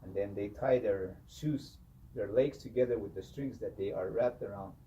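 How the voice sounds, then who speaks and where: A man telling a traditional story in an animated way, often saying "you know". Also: fairly low pitch, normal speed, highs cut off. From Hopi. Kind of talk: oral storytelling. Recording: distant mic with faint ambience.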